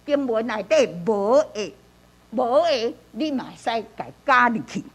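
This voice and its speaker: A woman's voice: fairly high pitch, animated, unhurried. A woman teaching a church Bible-reading class. She repeats herself often, keeps adding a little "hoh", and reads scripture aloud with strong emphasis. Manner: repetitive, peppers speech with "hoh".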